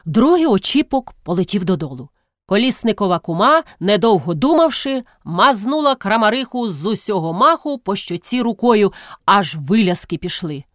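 Expressive woman reading a classic story. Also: mid-range voice, moderate pace, no room sound. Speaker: audiobook reader. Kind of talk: literary storybook narration. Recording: dry studio sound.

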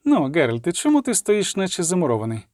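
A man's voice: sits high, wildly swooping pitch, fast, a little mellow, dry recording, studio quality. A man reading aloud and voicing a playful, sensual sorceress woman in a purring tone. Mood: teasing.

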